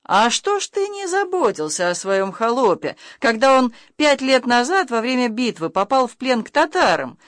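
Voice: mid-range voice, big pitch swings, moderate pace, few pauses, fairly bright tone, dry recording, pitched above the performer's own voice. A reader voicing a proud, defiant young nobleman in an audiobook, speaking firmly with a raised voice. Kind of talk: audiobook reading of character lines.

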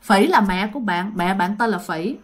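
A woman's voice: medium pitch, lively intonation, normal speed. A woman with a Southern Vietnamese accent casually telling a family ghost story and often speaking directly to her listeners. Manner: chatty, addresses listeners directly.

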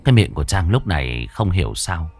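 A man narrating a horror story in a dramatic, expressive storytelling manner. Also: low voice, fairly quick, a little hiss or hum.

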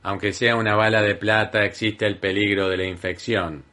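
A man's voice: lowish voice, fairly even intonation, normal speed, bright, forceful tone. A man doing a matter-of-fact companion.

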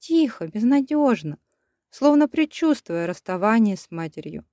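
A woman narrating an audiobook in a steady, expressive reading voice. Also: a little high, normal speed, no room sound, studio quality.

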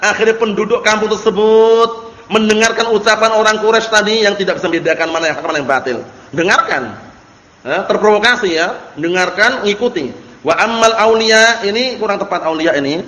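A man's voice: high voice, sharp tone. A man teaching a religious book, reading Arabic passages and explaining them with many repetitions. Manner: explains slowly, repeats phrases, reads Arabic then translates. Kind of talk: Islamic study lecture. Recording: echoey hall recording.

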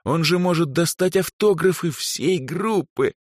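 Young dark elf girl voiced by a man, high voice, hesitant and proud, dry audiobook sound. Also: measured pace, no echo. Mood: shy. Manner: hesitant, then haughty and eager.

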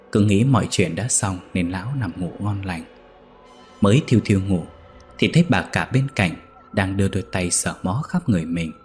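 A man reading a ghost story aloud in a steady, measured way. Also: low voice.

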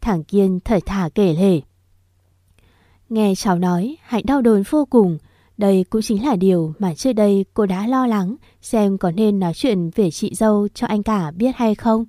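A woman narrating a story in a steady, gentle reading voice. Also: mid-range voice, a little slow, no echo, studio quality.

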